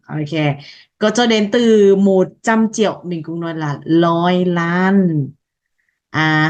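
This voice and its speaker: A woman teacher giving a language lesson, saying each word slowly and twice so students can repeat it. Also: fairly low pitch, lo-fi sound. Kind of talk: slow language lesson, repeating words for practice.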